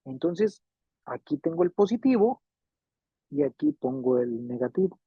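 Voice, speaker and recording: A husky male refrigeration electronics instructor lectures a class, his voice on the high side, very animated and a little slow. The sound is tinny, phone-like and dry with no room sound, and he patiently repeats points and checks understanding.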